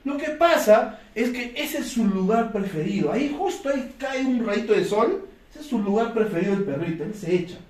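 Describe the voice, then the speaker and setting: Man, very high voice, motivational speaker, storytelling, echoey room, distant mic. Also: animated, moderate pace, darkish tone. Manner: storytelling, acts out quoted voices. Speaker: motivational speaker for a sales business. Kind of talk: motivational talk.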